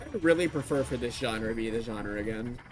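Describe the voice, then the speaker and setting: A man streaming a game with a friend, talking in a dry, deadpan way and swearing casually. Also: mid-range voice, quick pace. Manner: deadpan, self-deprecating, swears. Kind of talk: casual chat.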